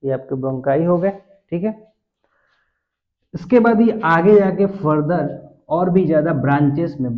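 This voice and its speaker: A man with a somewhat high voice explains biology in a classroom lecture. He fires rhetorical questions, answers them, and checks that his students are following. The sound is thin and phone-like. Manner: asks quiz questions and answers them himself; mixes English science terms into Hindi. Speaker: biology teacher.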